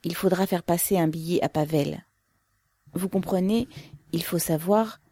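A woman voicing a calm, serious man comrade who speaks gravely and in a businesslike way. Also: lowish voice, unhurried, no room sound.

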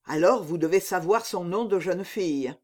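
A man's voice: high-pitched, normal speed, darkish tone. A man reading aloud, voicing a vengeful young man disguised as a monk, cold and unforgiving. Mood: stern.

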